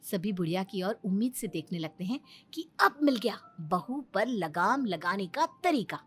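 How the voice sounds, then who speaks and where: A woman narrating a cartoon story in an expressive, storytelling way. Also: medium pitch, moderate pace, husky. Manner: expressive, animated.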